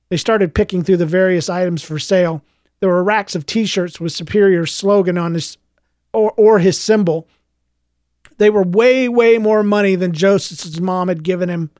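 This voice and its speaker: This podcast host and author reads his own book aloud before moving into casual chat with his audience, where he often hesitates, says "uh," and restarts sentences. His voice is high, darkish and a little gravelly. The recording is close and dry, with no sense of room.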